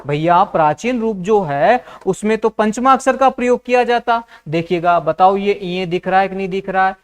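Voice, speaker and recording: Guy teaching an exam class, slightly high voice, asks himself the students' questions and answers them. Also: normal speed, smooth. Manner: answers his own imagined student questions, repeats key terms. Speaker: Hindi teacher. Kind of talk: exam-prep lecture.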